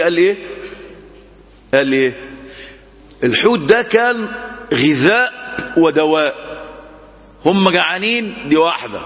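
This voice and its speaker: A man with an Egyptian accent preaching a mosque lesson, telling a story with lively rhetorical questions. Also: on the high side, big-room sound, lo-fi sound.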